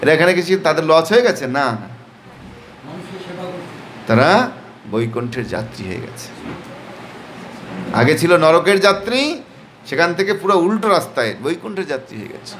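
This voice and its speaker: A man's voice: fairly high pitch, sing-song, moderate pace, pauses often, a bit bright, a little hiss or hum. A man giving a devotional sermon with a Bengali accent, asking rhetorical questions and answering them himself with emphatic "yes", at times leading the crowd in chanting. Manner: leads crowd in call-and-response chanting. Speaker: preacher.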